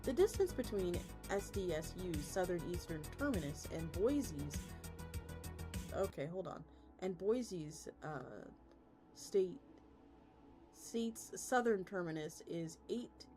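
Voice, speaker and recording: Slow and animated, a VTuber streamer with a lowish voice reads a story aloud in a casual, conversational way. Background music plays throughout.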